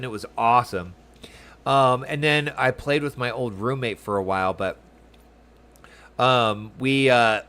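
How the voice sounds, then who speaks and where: A man with a mid-range, fairly bright voice streams a game, chatting casually and enthusiastically in slangy, informal talk. Video game music plays behind him.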